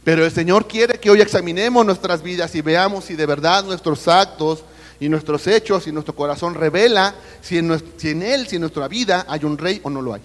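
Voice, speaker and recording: A man's voice: on the high side, a little fast, long reverb tail. A Mexican man preaching a sermon with a Mexican Spanish accent, calling his listeners brother and putting questions to the congregation. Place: church service.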